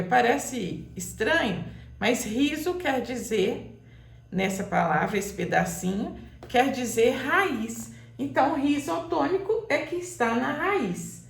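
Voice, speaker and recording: Slow gravelly-voiced woman teacher. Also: high voice, very animated. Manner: patient, repeats examples, calls out words loudly to demonstrate stress. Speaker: Portuguese teacher. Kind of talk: slow explanatory grammar lesson. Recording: echoey room.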